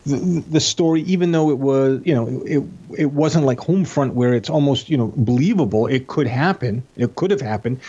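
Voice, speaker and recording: A man with a husky, slightly raspy voice at a middle pitch, chatting casually in a roundtable. He jokes around and interrupts himself, then walks his own lines back. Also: fairly quick, hardly any pauses, mellow, muffled recording. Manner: joking, self-interrupting.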